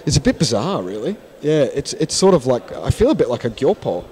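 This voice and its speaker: Fairly quick and a bit mellow, this man's medium-pitched voice has a sing-song lilt. He's an English teacher being casually interviewed in an indoor conference hall lounge, holding a mic and talking frankly and thoughtfully with many restarts.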